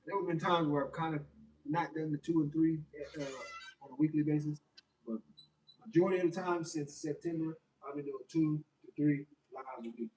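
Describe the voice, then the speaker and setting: A man's voice: on the high side, steady tone, fairly quick, darkish tone, far from the mic, rough recording. A young adult man on a casual fitness livestream, reading viewer comments and answering them in a loose, chatty way.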